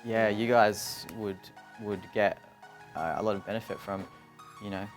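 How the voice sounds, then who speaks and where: A man's voice: on the low side, fairly even intonation, a little slow, soft background music. A friendly, upbeat man from Australia with an Australian accent, chatting casually in a vlog and giving a motivational talk as a design speaker. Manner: friendly, upbeat, chuckles often.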